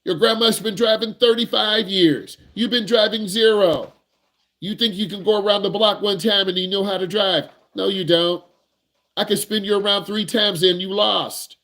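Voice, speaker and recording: A man teaching as a driving instructor, talking to camera in an animated, emphatic way and acting out nervous students now and then. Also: high-pitched. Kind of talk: energetic instructional talk to camera.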